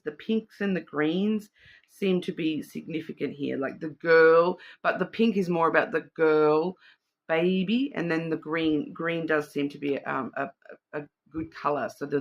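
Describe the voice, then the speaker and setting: A woman's voice: low voice, gravelly. A middle-aged woman giving a casual psychic card reading, thinking aloud in a rambling, intuitive way. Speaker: card reader.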